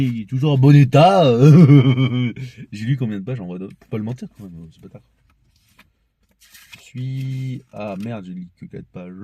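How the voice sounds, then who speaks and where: A man's voice: medium pitch, warm tone, no echo. A young man talking in a casual, rambling monologue that is full of swearing and laughter, and that sometimes turns into heated ranting. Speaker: vlogger.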